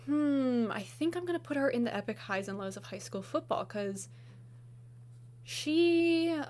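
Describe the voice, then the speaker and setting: A woman chatting casually as she ranks songs, gushing and enthusiastic, with lots of filler words and a slightly hoarse voice. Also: fairly high pitch, animated, brisk, a little mellow, slight background noise. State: slightly hoarse, losing her voice. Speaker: video host. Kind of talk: casual music ranking chat.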